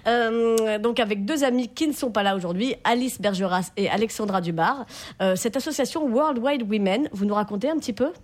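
A woman's voice: a little high, a little fast. A woman co-hosting a radio show as a journalist, friendly, asking questions with some hesitations. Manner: friendly, laughs easily, hesitant fillers. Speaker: co-host, food journalist. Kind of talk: radio interview.

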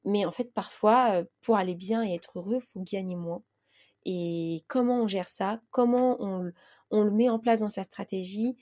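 Young woman chatting on her podcast at home, warm mellow voice, lots of "bah" and "euh". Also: medium pitch, normal speed. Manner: chatty, conversational, many fillers. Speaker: podcast host. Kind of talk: casual solo podcast chat. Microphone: raised mic, holding a baby.

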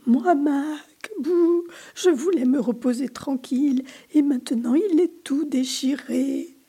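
A woman doing a grumpy storybook sloth who keeps losing his temper, his exasperated cries soft and mellow rather than harsh, with a very breathy, airy tone. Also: mid-range voice, expressive, moderate pace. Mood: whimpering. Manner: exasperated shouting and whining. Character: fussy sloth, male, grumpy and put-upon.

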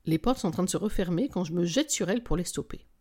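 A woman's voice: fairly low pitch, expressive, fast, mellow. A woman reading a romance novel in the first person, with wry, intimate storytelling that sometimes drops to a whisper. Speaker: audiobook narrator.

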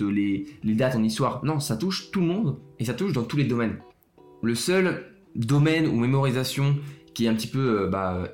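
A young adult man with a mid-range voice hosts a casual solo student podcast, chatting straight to the listener and often restarting his sentences hesitantly. The recording has a roomy echo and faint music behind him.

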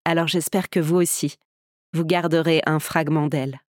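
A woman's voice: deep voice, steady tone, moderate pace, darkish tone. A woman hosting a podcast, narrating a scripted story in a theatrical storyteller's way. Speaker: podcast host and actress. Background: music.

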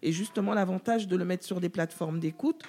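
A woman's voice: fairly low pitch, brisk, dark tone. A middle-aged woman, a guest on a podcast, talking in an enthusiastic, chatty way. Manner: enthusiastic, chatty, full of praise. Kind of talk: casual podcast interview.

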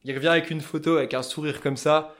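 A man with a Vosges accent, a fly-tying business owner talking loudly and passionately as an interview guest. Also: on the high side, fairly even intonation, fast. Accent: Vosges French. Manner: loud, passionate, talkative. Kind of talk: casual interview chat.

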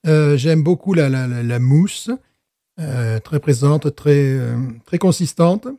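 A man's voice: fairly high pitch, takes it slowly, mellow, no echo, clean studio sound. A man chatting casually while tasting beer, joking and playing with words between hesitant fillers. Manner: jokey, wordplay, hesitant fillers. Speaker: beer taster. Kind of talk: casual chat.

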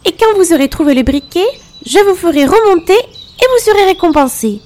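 A woman's voice: extremely high pitch, expressive, normal speed, a little mellow, voice pushed up. A woman voicing a scheming old woman with a whiny, slightly grating voice in a storybook reading. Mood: wheedling. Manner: sly and cackling.

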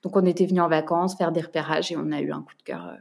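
A woman's voice: sits low, steady tone, racing, vocal fry, a little mellow. Hesitant chatty French woman. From France. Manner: hesitant, many fillers and restarts, laughs often. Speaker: podcast guest, entrepreneur. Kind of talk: casual chat.

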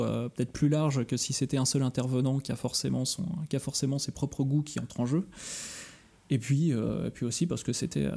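A man from France chatting on a podcast, halting often with fillers and restarts. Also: medium pitch, gravelly, mellow. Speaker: podcast host interviewed about his music shows. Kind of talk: casual podcast chat.

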